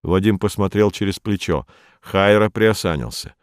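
A man reads a chapter of a novel in a steady, even way. His voice is deep and low, and the recording is close and dry with no room sound. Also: moderate pace, dry recording. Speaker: audiobook narrator. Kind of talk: scripted narration.

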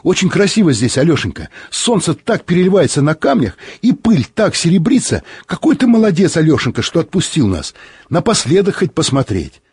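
A fussy, gentle old pilot who talks softly and eagerly, with his voice lifting high and lilting, put on by a male reader. The voice underneath is husky and very dry, with no room around it. The whole thing sounds like part of a single-reader audiobook. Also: sing-song, fairly quick, hardly any pauses, dry recording, full character voice. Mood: doting, eager. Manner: soft, doting, eager.

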